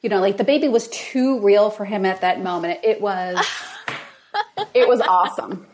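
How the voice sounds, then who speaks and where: A woman guest expert on a podcast, telling stories in casual chat with lively laughter. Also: medium pitch, moderate pace. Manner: lively storyteller, laughs along.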